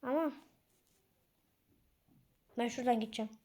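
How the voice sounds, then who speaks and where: Excitable high-voiced young gamer girl. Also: moderate pace. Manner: chatty, excitable, outbursts of frustration. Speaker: gaming channel host. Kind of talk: casual game commentary.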